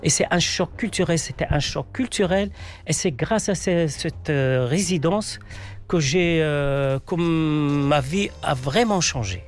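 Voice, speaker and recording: This playwright, a native Arabic speaker, has a voice on the higher side and talks at a slow pace. Appearing as an interview guest, he responds haltingly, using plenty of fillers and frequently starting over.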